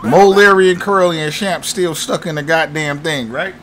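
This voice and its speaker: A man giving casual, profane gameplay commentary, swearing and shouting at the game as he plays. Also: fairly high pitch, normal speed. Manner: profane, excitable, yelling outbursts at the game. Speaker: gaming commentator. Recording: game music loud behind voice. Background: game music.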